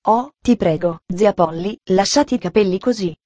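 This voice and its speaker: Reading a storybook aloud, a woman lightly acts the part of an eager little girl pleading in a soft, earnest voice. Her tone is mellow and warm, at medium pitch and moderate pace, and the sound is close and dry with no echo or room around it.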